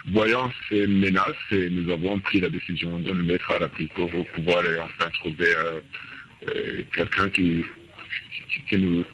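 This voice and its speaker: A man's voice: low voice, a bit bright. A young man, a soldier, giving an earnest and urgent testimony with his voice altered by a voice changer to hide who he is. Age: young adult. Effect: voice altered by a voice changer for anonymity. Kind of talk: recorded testimony for a news bulletin. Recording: muffled lo-fi recording with faint background noise.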